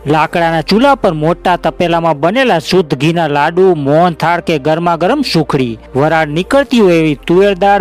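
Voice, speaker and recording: A man giving scripted documentary narration in an emotive storytelling manner, speaking to his listeners as friends. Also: on the high side.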